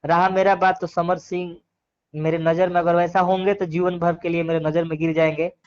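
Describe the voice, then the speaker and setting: A Bhojpuri-accented man, high-pitched with a clear, resonant tone, speaks at normal speed with flat delivery. In a casual phone interview captured as a dull lo-fi recording, he earnestly argues his opinions, repeating phrases to emphasize them.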